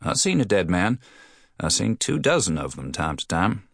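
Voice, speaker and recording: Brief: a deep-voiced drifting cowboy, terse and weary, played by a male reader. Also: moderate pace, vocal fry, no room sound, studio quality, exaggerated voice. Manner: flat drawl, terse.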